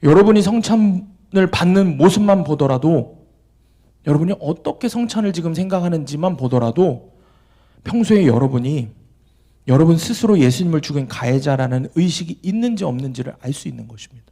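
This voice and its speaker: A man's voice: fairly high pitch, a little fast. A young man preaching a sermon as a junior pastor, telling a story and asking his listeners questions, acting out the voices of the people in it. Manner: animated, acts out quoted voices, asks the audience questions.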